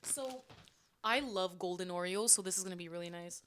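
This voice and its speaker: A woman's voice: lowish voice, a little fast, background noise. A young woman co-hosting a podcast, chatting casually and eagerly about snacks, with lots of "like" fillers. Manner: chatty, enthusiastic snack talk with many "like" fillers. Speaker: podcast co-host. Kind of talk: casual chat.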